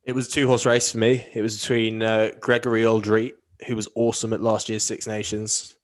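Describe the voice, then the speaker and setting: A man co-hosting a podcast in casual chat, relaxed, moving the talk along. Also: lowish voice, fairly quick, no room sound. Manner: relaxed, steers the agenda. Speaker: podcast co-host.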